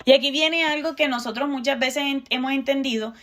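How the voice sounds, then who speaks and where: Woman, slightly high voice, earnest teaching talk, rhetorical questions. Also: brisk, a bit bright. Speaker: co-host.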